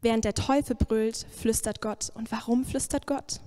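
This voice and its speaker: A woman preacher giving a lively sermon, emphatic and swinging between loud and soft. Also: a little high, normal speed.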